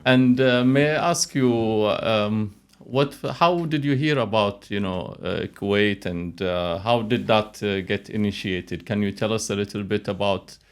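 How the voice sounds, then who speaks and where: A man hosting a conversational interview podcast, speaking in a halting, hesitant way with frequent pauses. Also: on the low side, clean tone. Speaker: podcast host interviewing a guest.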